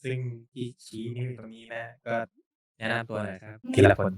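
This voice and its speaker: A man's voice: medium pitch, steady tone, a little fast. A man hosting a podcast, chatting casually and informally in a joking way. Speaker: podcast host. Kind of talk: casual podcast chat introducing a channel.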